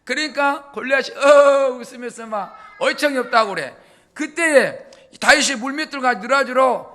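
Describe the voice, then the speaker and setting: A male pastor preaches a sermon in a chatty, storytelling manner. His voice sits unusually high. It rings bright and forceful. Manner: lively, colloquial storytelling.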